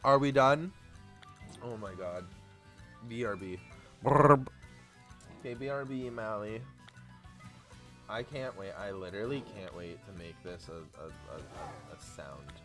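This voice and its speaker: A man's voice: lowish voice, lively intonation, a little slow, long pauses, over music. A young man streaming a game, chatting casually and rambling through a story while swearing freely. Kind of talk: casual chat while gaming.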